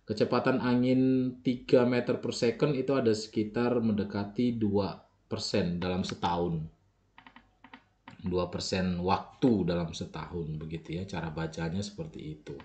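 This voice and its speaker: A man explains a software tool step by step in a screen-recorded walkthrough, with frequent filler tags and self-corrections. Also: lowish voice, steady tone, normal speed. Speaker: software tutorial instructor.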